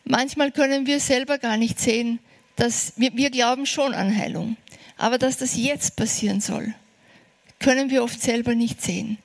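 A woman preaching a sermon, earnest and encouraging, slowing down for emphasis. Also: fairly high pitch, fairly even intonation.

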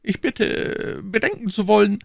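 A man doing a scheming cardinal, high sugary voice, lively lilt, gravelly edge, sly courtly manner, audiobook. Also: measured pace, dry recording, clean studio sound, full character voice. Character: scheming older male cardinal, smooth and sly.

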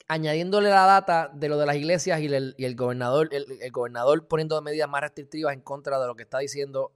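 A man with a Puerto Rican accent giving emphatic, heated commentary in a casual live video, talking straight to his viewers with sudden loud bursts. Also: a little high, fast, smooth. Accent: Puerto Rican Spanish. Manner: informal, addresses viewers as "mi gente". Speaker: live-stream political commentator.

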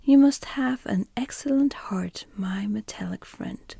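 A woman voicing a learned, flattering male insect in a whispered bedtime storybook reading. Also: mid-range voice, measured pace, creaky, husky, no echo. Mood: approving. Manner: whispered, soft.

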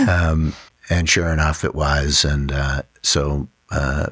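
A man's voice: a bass voice, steady tone, slow pace, fairly bright tone, no room sound, studio quality. A man, a songwriter, talking thoughtfully and hesitantly in an interview, with many fillers. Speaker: songwriter and musician, interview guest. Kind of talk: casual interview chat. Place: studio.

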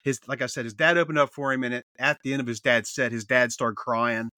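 Man, podcast co-host, chatty storyteller, bright tense tone, dry close mic. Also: medium pitch, steady tone, fast, no room sound. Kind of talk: casual chat.

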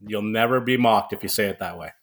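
A man's voice: fairly low pitch, fast talker, a bit bright. A man chatting casually as a podcast guest, with a wry, self-deprecating sense of humour. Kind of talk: casual chat. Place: barn.

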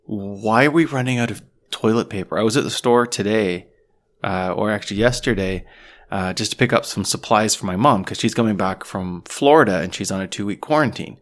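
A man with a lowish voice talks casually with a friend over beers, spinning jokes and everyday stories at an easy pace. He sounds like a relaxed podcast co-host. The room around him has a bit of echo. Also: brisk. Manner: joking, talkative storyteller. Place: echoey cottage room.

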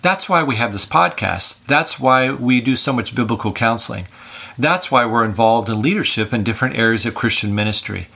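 Bright-voiced older man, earnest podcast host. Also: mid-range voice, lively intonation, brisk, creaky, breathy edge. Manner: earnest, encouraging.

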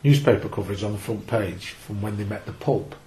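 Jokey English football fan. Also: male voice, on the low side, brisk, darkish tone, a little hiss or hum, low-quality recording. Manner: upbeat, jokey, sharing trivia. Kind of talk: casual chat.

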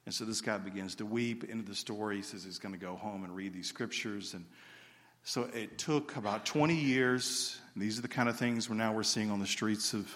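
A man's voice: lowish voice, fairly quick, a bit bright. A man giving an earnest sermon, stretching out key words for emphasis. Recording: church hall with long reverb.

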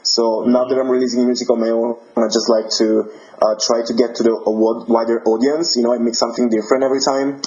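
A young man from Italy speaks English with an Italian accent, friendly and laughing easily as he hunts for the right words. His tone is soft and mellow. The sound comes through somewhat dull and lo-fi, like audio on a remote call. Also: mid-range voice, level tone, fast. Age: 20s. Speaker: guest musician. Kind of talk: casual interview.

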